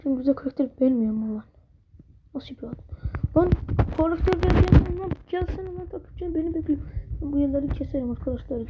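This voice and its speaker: High-pitched, impatient gaming commentator. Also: female voice, fast talker. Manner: impatient, exasperated, repeats words over and over. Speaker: mobile gaming channel host. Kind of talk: casual gameplay commentary. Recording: dull lo-fi sound with steady background noise.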